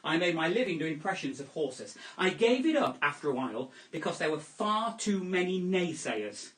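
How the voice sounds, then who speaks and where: Man, high animated voice, children's entertainer patter, echoey room, heard from a distance. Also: moderate pace. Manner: playful, jokey, theatrical announcing. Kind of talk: juggling show patter. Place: home room during lockdown. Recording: echoey room, voice a little off-mic.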